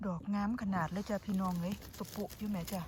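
Woman, Isan accent, lively outdoor foraging vlogger, recorded on a handheld camera with clear outdoor noise. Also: mid-range voice, poor audio. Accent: Isan (Northeastern Thai). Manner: lively, exclaims often, calls viewers "brothers and sisters". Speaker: vlogger foraging for wild mushrooms. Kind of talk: chatty walk-and-talk narration to viewers. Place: outdoors in woodland.

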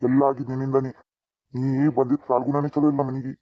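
A man plays a bitter, scolding older mother-in-law in a cartoon, taunting in a North Karnataka Kannada accent. The performance is lightly acted, medium-pitched and fast with little pitch movement, and the lo-fi recording is dry and dull with no room sound.

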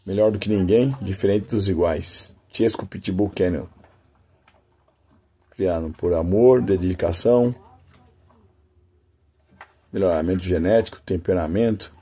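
A man's voice: sits low, dark tone, slight background noise. A man who breeds dogs, chatting casually to his dogs and viewers, cooing at them in fond baby talk and speaking in a folksy, devout way. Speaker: dog breeder.

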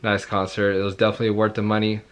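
A vlogger in his twenties, hoarse from yelling at a concert, rambles excitedly and repeats himself while talking casually to a phone held at arm's length. His lowish voice races along as he moves from his bedroom at home to walking outdoors on a suburban street.

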